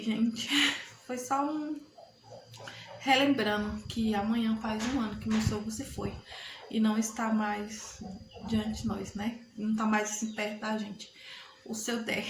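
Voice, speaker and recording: A fairly high-voiced woman speaks casually to her vlog audience, often turning to them directly and using churchgoing phrases. Her voice rings around an echoey room, with a faint hum of ambience behind it. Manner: chatty, addresses viewers often as "gente", religious phrasing. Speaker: vlogger. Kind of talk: casual heartfelt talk to camera.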